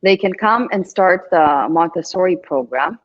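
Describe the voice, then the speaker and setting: A woman's voice: on the low side, expressive, normal speed, lo-fi sound. A middle-aged woman from Greece, a Montessori instructor, who answers webinar questions patiently and reassuringly over a video call. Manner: reassuring, explanatory, frequent restarts.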